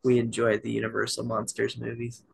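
A man's voice: mid-range voice, monotone, brisk, creaky, crowd noise, poor audio. A man from Utah co-hosting a podcast, chatting casually and mostly answering with short, easy agreement. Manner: short replies, easygoing agreement. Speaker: podcast co-host. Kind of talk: casual chat.

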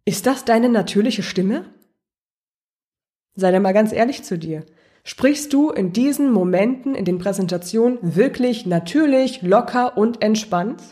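A woman's voice: medium pitch, lively intonation, a little slow, warm tone. A woman voice coach speaking directly to the listener, encouraging them step by step with questions.

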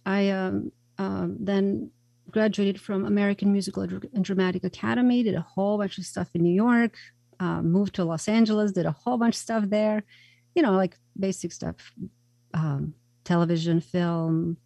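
A Croatian-born woman speaking as a radio guest, earnest and reflective, often pausing on fillers. Her voice is gravelly and mellow. The recording is close and dry. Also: medium pitch, fairly even intonation, no room sound. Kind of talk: interview.

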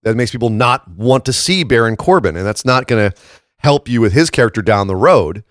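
On a casual wrestling commentary podcast, the male host talks in a tired, froggy, slightly hoarse morning voice after a late shift. His mid-range delivery is animated and a little fast, emphatic, with frequent tag questions. The sound is dry and close, with no echo.

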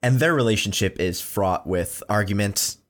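A man co-hosting a casual film podcast, recapping the plot in a relaxed way. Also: fairly low pitch, moderate pace. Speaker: podcast co-host.

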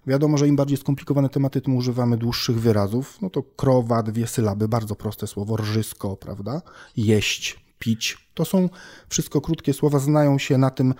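A man who researches language talks about his work in a relaxed, casual expert conversation, using homely examples and thinking aloud with frequent fillers. His voice is medium in pitch and his pace is moderate.

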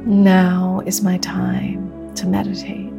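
A woman leading a guided meditation like a sleep story narrator, speaking gently and slowly with long pauses. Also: medium pitch, completely flat delivery, gravelly. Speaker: meditation teacher leading a group practice. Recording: new-age music under the voice. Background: soft new-age music.

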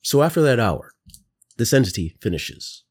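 A man's voice: mid-range voice, big pitch swings, moderate pace, breathy edge. A man narrating descriptively as game master of a tabletop game.

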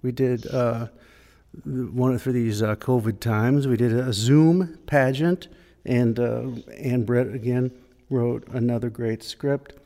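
A man chatting casually and a little haltingly as a church podcast host, recorded with cathedral echo in an empty sanctuary. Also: medium pitch, steady tone, warm tone. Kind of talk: casual chat.

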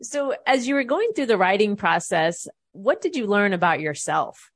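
A woman's voice: medium pitch, expressive, moderate pace. A woman interviewing an author, brief and encouraging.

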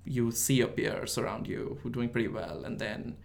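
A man's voice: mid-range voice, normal speed, creaky. A man from India, telling stories in an interview with a self-deprecating, laughing manner. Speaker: guest. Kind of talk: interview storytelling.

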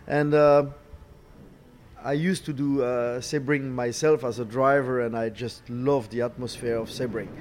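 A middle-aged man, not a native English speaker, answering interview questions haltingly, searching for words and repeating phrases. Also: medium pitch, fairly even intonation, a little mellow. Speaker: racing team boss, former driver. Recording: clear background noise, ambient sound.

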